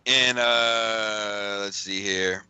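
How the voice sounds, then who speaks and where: A man's voice: fairly low pitch, fairly even intonation, extremely slow, pushed and bright, clean tone, no echo. A man hosting a podcast in casual chat, rambling through a funny story with lots of laughing and swearing. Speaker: podcast host.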